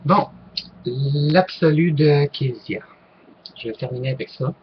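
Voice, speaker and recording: Talking casually to the camera, this Québécois-accented man takes his time answering viewer questions, his voice on the high side. He hesitates a lot, using many fillers and restarts. The sound is dull with a little hiss or hum.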